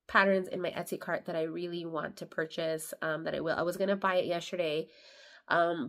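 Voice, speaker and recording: A young woman with a congested voice, chatting casually about her craft hobby with lots of fillers. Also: on the low side. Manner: rambling, filler-heavy, chatty. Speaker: crafting vlogger. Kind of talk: casual chat.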